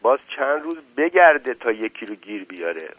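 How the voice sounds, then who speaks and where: A man's voice: mid-range voice, sing-song, a bit bright, breathy edge, no room sound. A man reading a sheepish, defensive man. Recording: dry, phone-like narrow sound.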